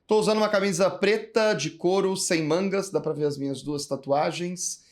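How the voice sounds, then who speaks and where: A man's voice: high-pitched, normal speed. A man in his thirties hosting a podcast interview, playful and effusive with his guest. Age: 30s. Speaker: podcast host. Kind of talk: casual interview.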